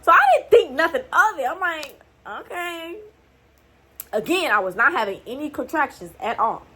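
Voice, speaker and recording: A woman's voice: sits high, expressive, fairly quick, pushed and bright. A young woman vlogger casually telling a long personal story to camera, rambling and acting out quoted dialogue, with speech patterns.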